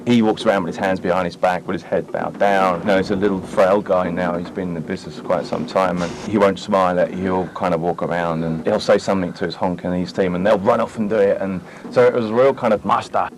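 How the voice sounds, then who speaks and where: A man's voice: low-pitched, steady tone, fast. A man chatting casually in an interview as an actor, taped from TV. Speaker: film actor being interviewed. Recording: noisy interview audio taped from TV.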